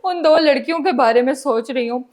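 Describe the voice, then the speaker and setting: An actress playing a playful elder sister and medical student, mocking and giggly. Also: female voice, sits high, a little fast, darkish tone, lightly acted. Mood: teasing. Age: young adult.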